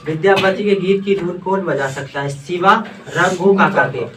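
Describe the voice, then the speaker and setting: A man's voice: high-pitched, measured pace, a bit bright, slight background noise. A male teacher, reading a story aloud in a classroom and quizzing his students as he goes. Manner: reads aloud then quizzes students with questions. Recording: distant classroom recording.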